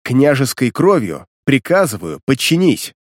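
A man voicing a young male prince who speaks slowly in a low, commanding tone. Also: sing-song, no room sound, clean studio sound.

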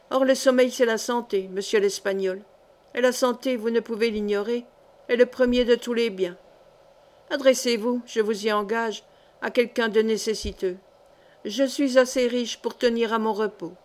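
A woman's voice: a little high, steady tone, moderate pace, darkish tone, close to an everyday voice. A woman voicing a fussy middle-aged male royal steward in a storybook reading, protesting and justifying himself. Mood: indignant.

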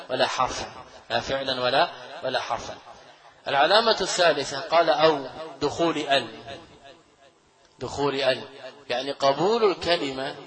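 A man's voice: a little high, fairly bright tone, rough recording. A man teaching a grammar lesson in a classroom lecture style, explaining step by step, repeating key phrases, asking his students rhetorical questions and chuckling often as he goes. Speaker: Islamic scholar teaching Arabic grammar.

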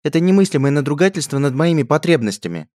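A man voicing a haughty, spoiled young princess who speaks in a shrill, indignant, whiny way. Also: lively intonation, fairly quick, darkish tone, no echo, studio quality, natural voice.

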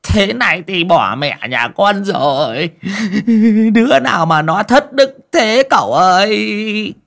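A man voicing a fawning, panicky middle-aged male village medium, wailing high and strained. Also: big pitch swings, slow pace, bright, forceful tone, exaggerated voice.

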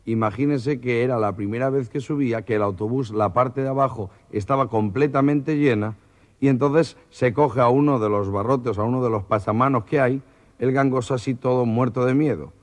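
A man's voice: mid-range voice, normal speed. A man with a Spanish accent telling jokes on an old cassette recording, acting out characters with nasal comic voices. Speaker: comedian. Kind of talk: stand-up joke telling.

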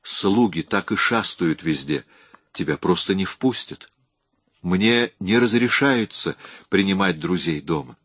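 A bored, spoiled young rich woman who answers flatly and reluctantly, read by a man. The voice stays deep and low, and the recording is dry and close, with no room echo. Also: measured pace, breathy edge, full character voice. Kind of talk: audiobook reading.

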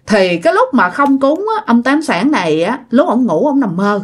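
A woman's voice: on the high side, sing-song, normal speed, breathy edge. A woman with a Southern Vietnamese accent telling a ghost story in a chatty, casual way, addressing her listeners directly.

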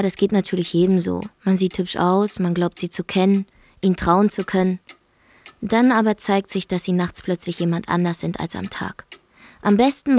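A woman's voice: on the low side, a little mellow, no room sound, close to an everyday voice. An actress narrating a radio drama monologue as a brash, defiant young woman from Zeeland, with a dry, wry storytelling manner. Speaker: first-person narrator.

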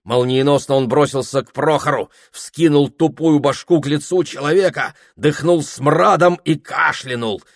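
A man narrating a literary audiobook in a measured, grave storytelling manner. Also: a little high, no room sound, studio quality.

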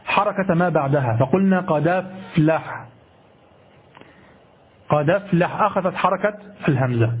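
Husky-voiced man teaching grammar. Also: high-pitched. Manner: repeats phrases, checks listeners with "ha?"; self-correcting, asks rhetorical questions. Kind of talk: classroom lecture on Arabic grammar. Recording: tinny lo-fi phone-like recording.

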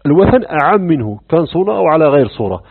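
A man's voice: fairly high pitch, very fast, creaky, slightly rough. A man teaching a lesson on creed, asking rhetorical questions and acting out dialogues. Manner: animated, asks rhetorical questions, acts out dialogues. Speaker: religious teacher. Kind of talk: lecture on creed. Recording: narrow phone-like lo-fi recording.

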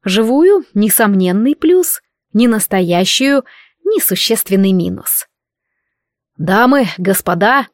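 A woman's voice: mid-range voice, big pitch swings, unhurried, a little mellow, no echo. A woman reading a first-person story in a wry, lightly ironic way, close to the mic. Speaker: audiobook narrator. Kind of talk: first-person scripted narration.

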